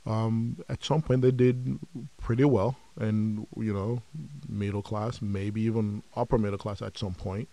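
Middle-aged man from Nigeria, low warm tone, reflective interview guest. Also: level tone, vocal fry. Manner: measured, frequent um fillers, reflective. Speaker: podcast guest, company founder. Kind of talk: conversational interview.

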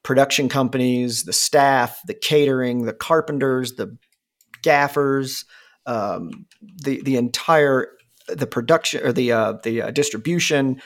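Here a man in his forties talks at a measured pace in a mid-range voice. His casual chat wanders, packed with fillers and restarts, and he swears without holding back.

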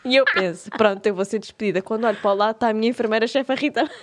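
Young woman, European Portuguese accent, casual comic storytelling, lively with frequent laughs. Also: on the high side, racing. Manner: animated, laughs often, acts out voices in anecdotes.

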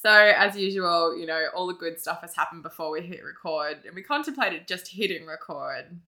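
A woman's voice: lowish voice, animated, normal speed, pushed and bright. A young woman co-hosting a casual chat podcast, teasing and giggly. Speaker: podcast co-host.

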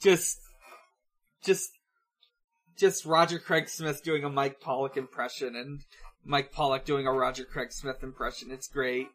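A podcast co-host recapping episodes in casual chat, halting and restarting often. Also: mid-range voice, steady tone, fairly bright tone, faint music behind.

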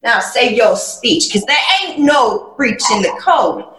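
A woman's voice: fairly high pitch, lively intonation, unhurried, fairly bright tone, far from the mic. A woman playing a brash, streetwise young woman who raps with attitude in a comic musical. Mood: defiant. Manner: sassy, streetwise, confrontational. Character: brash tough-talking young woman rapping at a bar. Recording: roomy with clear background noise.

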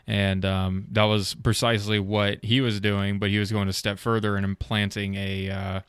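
A man's voice: on the low side, little pitch movement, normal speed, fairly bright tone, smooth, no echo, studio quality. A man hosting a casual film chat, rambling with lots of fillers and swearing when he gets worked up.

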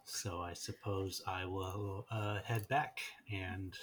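A man's voice: low-pitched, fairly even intonation, slow, a bit bright, husky. A man playing a tabletop game, talking hesitantly with many fillers. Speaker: player. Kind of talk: casual tabletop game chat.

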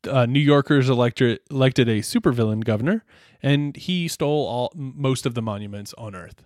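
A man's voice: medium pitch, normal speed, a little mellow, no echo, clean studio sound. Wry man chatting on a podcast. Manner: wry, chiming in with quips. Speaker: podcast co-host. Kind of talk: casual chat.

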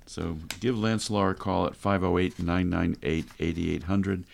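A man's voice: low-pitched, little pitch movement, measured pace, vocal fry. A man hosting a conversational radio advice show, speaking instructively and straight to the listeners. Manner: instructive, addresses listeners directly.

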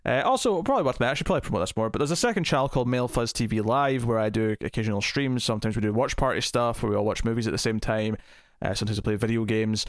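A man's voice: mid-range voice, racing, dry recording, clean studio sound. A man hosting a podcast in casual chat, with lots of fillers and restarts. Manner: chatty, many fillers and restarts. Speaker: podcast host.

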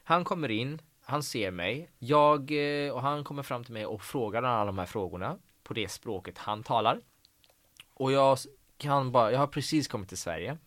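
A young man, an actor guest, telling stories in a casual interview, animated and swearing casually. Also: mid-range voice, dry recording. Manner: animated, acts out quoted dialogue, swears casually.

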